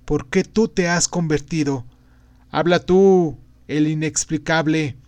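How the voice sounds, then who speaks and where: A man's voice: on the high side, fairly even intonation, slow, darkish tone, no echo. A man reading aloud and voicing a grave, fervent male prophet-sage in a declamatory way. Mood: questioning. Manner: declamatory, exhorting. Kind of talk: audiobook reading.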